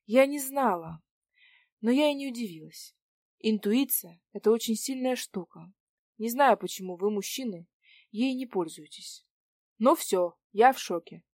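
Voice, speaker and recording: Lady reading a cool stubborn young woman, flat-calm answers, dry sound. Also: fairly high pitch, moderate pace, no room sound. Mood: breathless, teasing.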